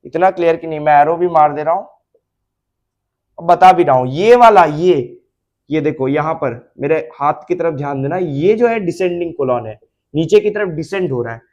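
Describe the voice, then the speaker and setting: उत्साही ऊँची आवाज़ वाला शिक्षक. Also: male voice, fairly high pitch, normal speed, dull audio. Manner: Hindi-English mixed teaching, repeats key terms and checks understanding. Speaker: biology teacher. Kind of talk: classroom lecture at a board.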